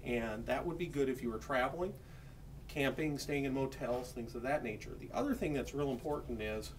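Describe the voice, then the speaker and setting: An American man with a medium-pitched voice talks briskly, explaining products in a plain, informal way like a shop salesman in an electronics store. The mic is distant, with faint background noise.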